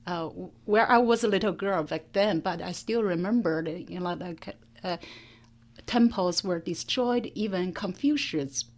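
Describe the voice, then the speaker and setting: A woman's voice: fairly low pitch, measured pace, darkish tone. Woman, Chinese accent, Chinese native speaker, interview guest, hesitant, lots of um and right. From China. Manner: hesitant, many fillers, asks "right?". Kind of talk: interview answer.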